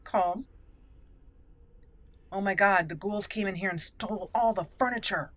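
This gaming channel host has a medium-pitched, slightly bright voice and speaks a little slowly. She keeps up casual, playful roleplay commentary, chatting to the characters during play.

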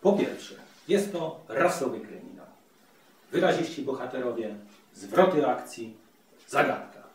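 A man's voice: medium pitch, animated, measured pace. A man hosting a casual video review, talking in a chatty, playful way. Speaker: audiobook reviewer, host. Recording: very echoey room, distant mic.

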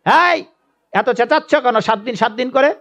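A man putting on a high, doting demoness wife. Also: normal speed, vocal fry, a bit bright, exaggerated voice. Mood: curious, admiring. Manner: high, wheedling and marvelling.

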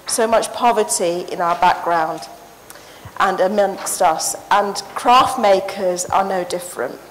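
A woman's voice: medium pitch, slight background noise, rough recording. A woman, giving an earnest, passionate conference talk into a handheld mic on a stage. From Sri Lanka. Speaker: conference paper presenter. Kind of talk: conference presentation.

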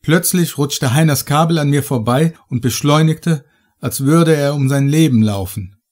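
A man reading first-person horror audiobook narration in a measured, dramatic way. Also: fairly high pitch, darkish tone.

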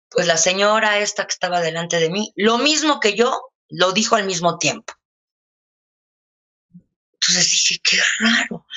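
An older woman with a Mexican accent, a guest in an interview, telling a personal anecdote in a lively, casual way with many fillers. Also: mid-range voice, highs cut off.

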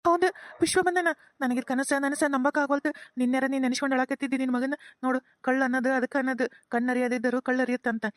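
A woman voicing a gentle older village father with a North Karnataka accent, consoling and quoting proverbs, in a cartoon. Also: sits high, steady tone, fast, no room sound, studio quality, lightly acted. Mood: warm. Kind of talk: cartoon voice acting.

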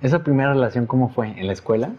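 A man hosts a relaxed interview in a mid-range voice, firing off blunt, prodding questions. The recording sounds dull and lo-fi. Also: medium pitch, racing. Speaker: host.

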